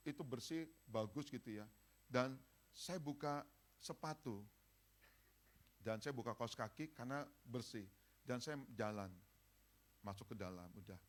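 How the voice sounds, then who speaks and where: A male pastor preaching at a church service. He talks directly to the congregation and swings between loud calls and soft, pleading passages. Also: mid-range voice. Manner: conversational, speaks directly to the congregation. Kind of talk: sermon.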